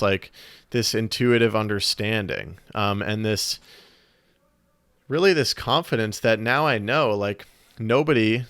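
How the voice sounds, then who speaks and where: A man hosting a solo podcast, talking in an earnest, searching way with many restarts and pauses, a little out of breath. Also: lowish voice, a bit bright, clean tone, no room sound, clean studio sound. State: slightly out of breath. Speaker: podcast host. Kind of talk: reflective solo podcast monologue.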